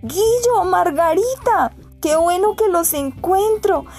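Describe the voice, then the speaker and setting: A woman voicing an eager, excitable young boy in a storybook reading, exclaiming as he speaks. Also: sits high, unhurried, pitched above the performer's own voice. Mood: excited.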